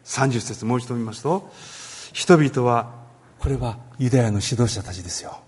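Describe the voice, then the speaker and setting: A man giving a sermon on a Bible passage, talking in a lively way with many pauses and filler words. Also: mid-range voice, breathy edge. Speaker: pastor.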